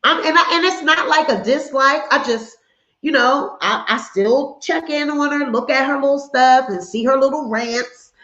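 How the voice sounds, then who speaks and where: A high-voiced woman from hosts a casual gossip livestream, sassy and animated. The sound is dull and lo-fi, and it echoes around the room. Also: moderate pace. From Philadelphia, USA. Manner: sassy, animated, laughing asides.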